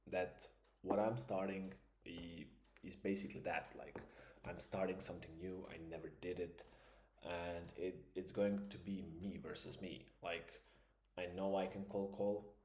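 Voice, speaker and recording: A Croatian man whose first language is Croatian vlogs in English, musing casually and thinking aloud in a reflective monologue full of fillers. His voice sits low and is a little mellow. The recording is reverberant, with slight background noise.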